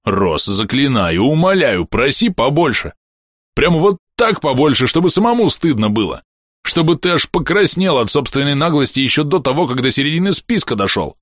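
A man voicing a boisterous fanged male clan comrade who talks loud, gleeful and mocking. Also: mid-range voice, very animated, moderate pace, no echo, studio quality. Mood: pleading.

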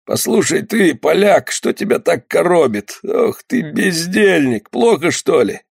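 A dying ship's skipper, voiced by a man, groans in a raised, strained voice with a gravelly edge. He is short of breath, weak and wry, joking grimly about his wounds in a dry, close audiobook reading. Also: fairly high pitch, big pitch swings, unhurried, no echo, voice pushed up, heavily acted. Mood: weakly joking.

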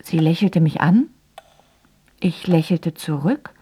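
This time the same radio-drama daughter, fed up with a smothering father, comes through a fairly low, expressive female voice at a slow pace. The actress delivers dialogue and narration curtly and bluntly, with a wry, narrating mood.

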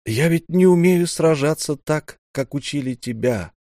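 A man voicing an aloof, weary sovereign who speaks slowly and quietly. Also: fairly high pitch, expressive, no echo, clean studio sound, pitched above the performer's own voice. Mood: cold. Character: cold, weary male sovereign, aloof and sad.

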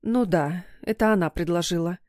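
A woman's voice: on the low side, moderate pace, a little mellow, no room sound, studio quality, lightly acted. A woman voicing a flustered, anxious middle-aged mother in an audiobook, fretful and sighing.

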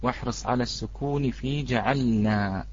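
A man teaching a live online recitation lesson. He greets the students in the chat and draws out each example word slowly. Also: medium pitch, lo-fi sound, a little hiss or hum.

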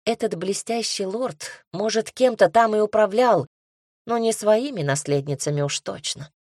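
An expressive audiobook narrator, a woman, reads a scripted first-person story in a mid-range voice at a moderate pace. The recording is dry and clean, with studio sound.

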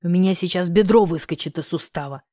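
A woman's voice: on the low side, moderate pace, mellow, no echo, studio quality, lightly acted. A woman reading the lines of a teasing, mock-grumbling young man in love.

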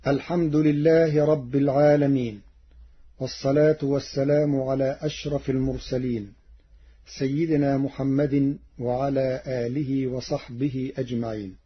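A man from Egypt giving a formal radio lesson on Quran reading variants, measured and deliberate, chanting the verses he quotes. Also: mid-range voice, level tone, slightly rough. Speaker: Quran recitation scholar. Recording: dull lo-fi radio broadcast.

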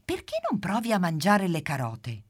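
A woman's voice: on the low side, wildly swooping pitch, normal speed, husky, pitched above the performer's own voice, heavily acted. A woman voicing a cheerful, curious little female puppy in a storybook, eager and full of questions. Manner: eager, bouncy, asks lots of questions. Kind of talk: storybook character voice.

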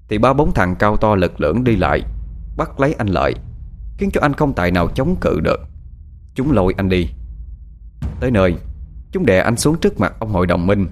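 A man with a Southern Vietnamese accent narrating a ghost story in a dramatic, expressive way. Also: fairly low pitch, fairly quick, pauses often, slight background noise.

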